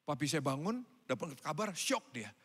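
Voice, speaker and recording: Man pastor, lively church sermon, fairly high voice, long hall echo. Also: normal speed, slightly rough. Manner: animated preaching, swinging from loud calls to quiet asides. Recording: hall reverb.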